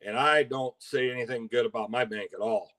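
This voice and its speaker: A man from Michigan co-hosting a casual live stream. He talks in a chatty, wry way and laughs easily, with a mid-pitched voice. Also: brisk, fairly bright tone. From Michigan, USA. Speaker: co-host.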